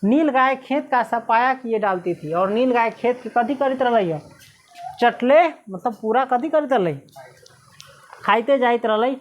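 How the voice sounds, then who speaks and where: A woman's voice: a little high, animated, a little slow. Woman teacher explaining a story. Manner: reads a line, then retells it in local dialect with frequent "है ना?". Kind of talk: explaining a Hindi story lesson.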